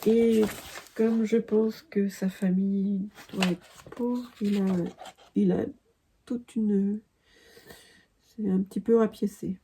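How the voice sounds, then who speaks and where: A woman's voice: medium pitch, steady tone, slow pace, pauses often, mellow, a little hiss or hum. A woman from France talking casually in a crafting vlog, hesitant with many fillers and restarts. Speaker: crafting vlogger. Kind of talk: casual chat.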